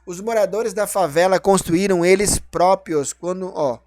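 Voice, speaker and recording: A man's voice: high-pitched, a little slow, darkish tone, no echo. A man teaches grammar. He explains each rule step by step and quizzes himself along the way. The sound is dry and close, with no room around it. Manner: explanatory, asks and answers his own questions. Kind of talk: grammar lesson.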